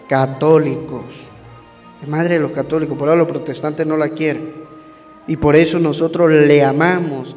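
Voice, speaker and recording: A priest preaching a sermon, repeating phrases for emphasis. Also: male voice, a little high. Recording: music and long hall reverb.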